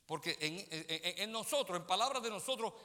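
A man preaching, his voice high, bright and swinging widely in pitch. He keeps turning to the congregation with direct questions. The sound carries a long church-hall reverb. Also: brisk. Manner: animated preaching, often calls listeners "brother" and checks they follow. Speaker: pastor. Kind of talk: sermon. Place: church sanctuary.

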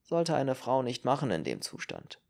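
A man reading a cynical, gravelly exiled politician. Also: medium pitch, huge pitch swings, normal speed, a little mellow. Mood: sardonic. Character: cynical, world-weary male exiled politician. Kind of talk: audiobook character reading.

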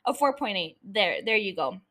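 A woman's voice: medium pitch, lively intonation, normal speed, a bit bright. A woman hosting a casual solo podcast about TV shows, swearing freely and joking irreverently as she rambles and interrupts herself. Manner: rambling, self-interrupting, teasing. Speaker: podcast host.

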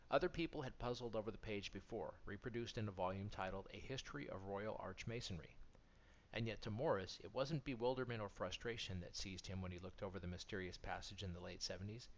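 A man with a somewhat low voice reads magazine articles aloud in scripted narration. His delivery is steady and measured throughout. The recording sounds dull and lo-fi, with faint background noise.

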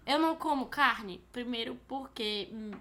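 A woman's voice: on the high side, a little slow, bright, forceful tone. A teenage girl rambling through a casual family podcast chat, losing her thread and laughing at herself. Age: teens. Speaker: podcast co-host, daughter.

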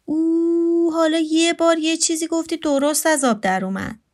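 A woman's voice: very high-pitched, pitched above the performer's own voice. A woman voicing a sarcastic, teasing houseguest. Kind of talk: read storytelling.

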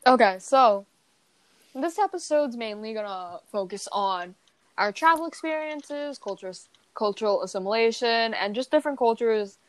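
A woman's voice: a little high, animated, moderate pace, no room sound, rough recording. Playful young woman hosting, dry sound. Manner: playful, laughs easily. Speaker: podcast host. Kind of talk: casual chat.

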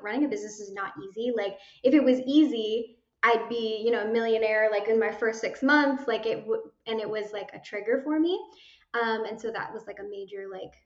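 Chatty young woman in a roomy lo-fi recording. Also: a little high. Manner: chatty, swears casually, many fillers. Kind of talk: casual chat. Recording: roomy, dull lo-fi sound.

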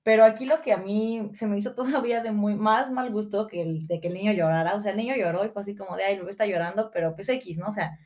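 A woman's voice: medium pitch, fast talker, few pauses, a little mellow. A woman co-hosting a podcast, telling a story at length in a rambling way and acting out what other people said. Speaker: podcast co-host. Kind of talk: casual podcast chat.

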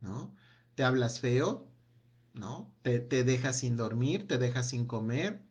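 A man leading a self-help workshop, asking a long run of gentle reflective questions that trail off with a quiet "no?". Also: mid-range voice, animated, slow. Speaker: workshop speaker.

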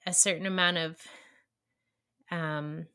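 Bright-voiced woman, halting and earnest. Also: sits low, fairly even intonation, clear, resonant tone. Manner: halting, many fillers and restarts, earnest. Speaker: podcast co-host. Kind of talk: casual podcast chat.

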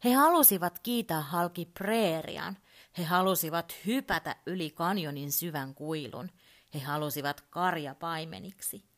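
A woman gently reading a children's story aloud. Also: lowish voice.

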